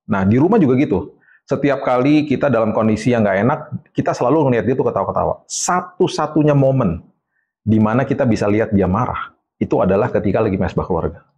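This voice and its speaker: A middle-aged man, an evangelist, telling stories as a guest in a casual interview, in a lively, animated way. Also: medium pitch, quick pace, dull audio.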